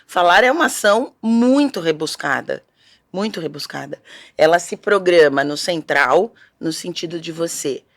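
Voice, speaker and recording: Woman, speech therapist, low voice, didactic interview guest. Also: expressive, normal speed, gravelly. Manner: didactic, explains step by step with frequent "né?". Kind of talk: explanatory interview talk.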